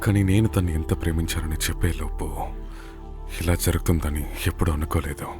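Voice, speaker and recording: A brooding, grieving man with a very low voice, talking quickly and bluntly. Film music swells behind him. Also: steady tone. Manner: blunt, insistent. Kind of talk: dubbed film acting.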